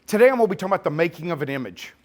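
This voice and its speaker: Speaking rapid-fire in a high, animated voice, a middle-aged man with a slurry drawl blending Texas and Oklahoma gives a live photography talk to a full camera store event room. He's chatty and joking, teasing the audience with sarcasm.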